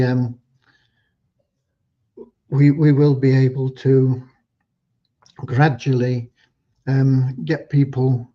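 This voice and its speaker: An older man hosting a livestream Q&A with a prayer, talking at an unhurried pace with frequent ums and restarts. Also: mid-range voice, mellow. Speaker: host of a community livestream. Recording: dull lo-fi livestream audio.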